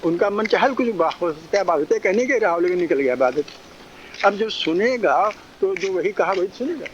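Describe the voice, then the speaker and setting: Male spiritual teacher, high voice, repetitive teaching cadence with frequent chuckles; muffled lo-fi recording. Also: lively intonation. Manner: chuckling often, drawn-out teaching cadence, repeats phrases. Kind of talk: spiritual discourse. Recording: dull lo-fi recording, faint noise.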